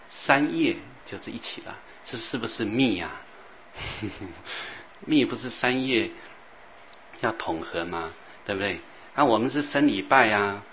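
A man teaching as a Buddhist master, rambling and repeating himself, sometimes chanting softly. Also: medium pitch. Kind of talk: dharma talk. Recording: dull lo-fi recording with faint hiss.

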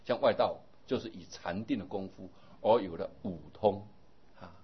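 A man giving a Buddhist dharma sermon, explaining at length and trailing many phrases with a drawn-out particle. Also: fairly low pitch, breathy edge. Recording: dull lo-fi recording.

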